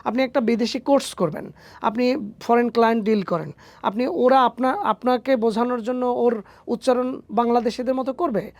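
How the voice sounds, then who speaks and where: A man's voice: extremely high pitch, moderate pace, darkish tone, dry recording. A man, a phonetics teacher answering interview questions emphatically with rhetorical questions. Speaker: English phonetics teacher, guest.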